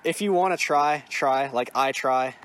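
Male podcast co-host, medium pitch, casual, halting, sweary delivery. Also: a bit bright.

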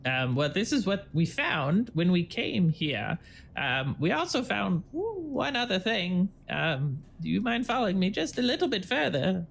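A man's voice: high voice, very animated, a little slow, creaky, a bit bright, slight background noise, voice pushed up, exaggerated voice. A man voicing a timid, frightened male goblin who stammers and pleads in a tabletop role-play. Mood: fearful.

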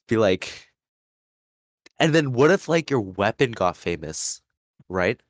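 A man talking eagerly in casual chat, leaning on "like". His voice is very deep. The sound is dry. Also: very animated, takes it slowly, no echo. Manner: enthusiastic, filler-heavy. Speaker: podcast co-host.

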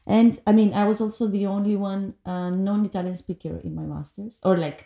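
Speaking as a podcast guest in a reflective conversation, this woman from Greece, whose first language is Greek, sounds mellow and slightly gravelly. Her mid-range voice keeps a fairly even intonation, and she's thoughtful and hesitant, pausing often and using fillers, in an echoey room.

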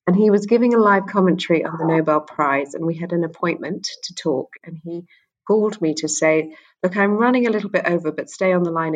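Heard through poor audio, this fairly low-pitched woman is middle-aged and was born in England. In a conversational interview she talks earnestly and candidly as the guest, frequently echoing words when starting a thought.

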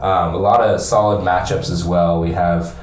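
A man's voice: deep voice, flat delivery, normal speed, a little hiss or hum. A man co-hosting a casual sports podcast, recorded in a small, echoey, bathroom-like room. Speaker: podcast co-host.

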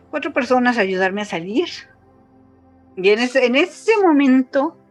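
A woman in her fifties with a Mexican accent, a guest telling an emotional personal story in a casual interview, her voice rising when she quotes others. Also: mid-range voice. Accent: Mexican Spanish. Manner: emotional retelling, voice rising when quoting others, frequent fillers.

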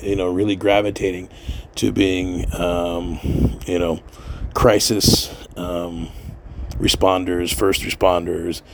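A man's voice: sits low, level tone, slow, a little hiss or hum. A middle-aged man talking in a casual, rambling monologue, swearing freely and laughing often. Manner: profane, digressive, laughs often. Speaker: podcast host.

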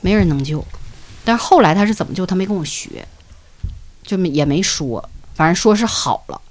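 A woman with a Northeastern Mandarin accent telling a ghost story on a podcast. She is earthy and animated, swears freely, and acts out voices and sound effects. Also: fairly low pitch, brisk. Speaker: podcast co-host.

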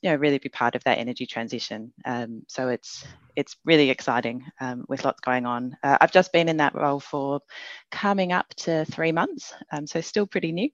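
A woman's voice: a bass voice, normal speed, dry recording, lo-fi sound. A woman in her thirties in Melbourne, guesting on a podcast, talking in an upbeat way with frequent ums. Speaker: guest, company managing director. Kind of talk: conversational interview. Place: Melbourne, Australia.

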